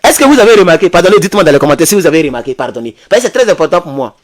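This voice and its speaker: A man giving excitable political commentary to his viewers, calling them comrades and asking them questions. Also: on the high side. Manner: reads English then translates haltingly.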